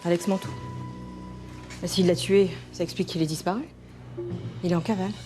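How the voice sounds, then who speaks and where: A woman plays a decisive police team leader in a TV crime series. She speaks fast and in a businesslike way, with clear music underneath. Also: fairly low pitch, fairly even intonation, warm tone, lightly acted. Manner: businesslike, brisk. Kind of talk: naturalistic TV crime drama acting.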